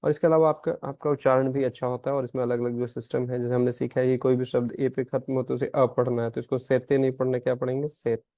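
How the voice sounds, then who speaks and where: A man giving a recorded language lesson, explaining in Hindi and reading out Portuguese examples slowly. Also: medium pitch, level tone, dark tone, no room sound. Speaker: language teacher. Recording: dry, slightly dull lo-fi sound.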